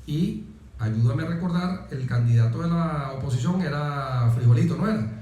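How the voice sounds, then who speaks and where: This interview guest, a middle-aged military officer from Venezuela, speaks at a normal speed in a warm, slightly high voice. He tells personal stories conversationally and emphatically, repeating phrases often, all captured in a very echoey room.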